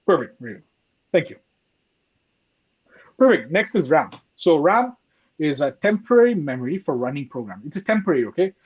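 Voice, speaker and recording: Guy teaching a computer class over a video call, kinda dull laptop audio, slightly husky, keeps going "okay?". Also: on the high side, sing-song, fairly quick, pauses often. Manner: explains step by step, often checking in with "okay?" and "right?". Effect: heard over a video call. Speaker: computer course instructor. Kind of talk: live online class lecture. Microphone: laptop or headset mic on a video call.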